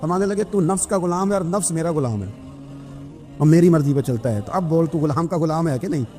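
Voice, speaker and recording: A man preaching an emotional sermon, telling stories and voicing the people in them, moving between soft and raised delivery. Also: fairly high pitch, expressive, a little fast, faint music behind. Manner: storytelling, voicing figures in quoted dialogue.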